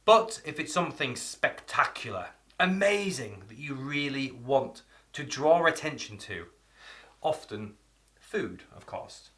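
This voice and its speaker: Male teacher, chatty lesson delivery, bright forward tone. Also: mid-range voice, sing-song, unhurried. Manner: chatty, explains with spoken examples. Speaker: English teacher. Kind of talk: casual video lesson.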